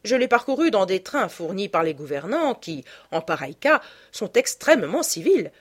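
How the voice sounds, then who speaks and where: A woman's voice: mid-range voice, big pitch swings, moderate pace, slightly rough. A woman voicing a pompous male politician who lectures with self-assurance. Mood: lecturing. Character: pompous radical male politician, stuffy and earnest.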